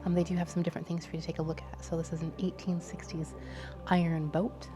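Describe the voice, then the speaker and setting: A woman's voice: on the low side, level tone, fast, music in the background. A woman travel vlogger giving casual running commentary to her viewers as she looks around.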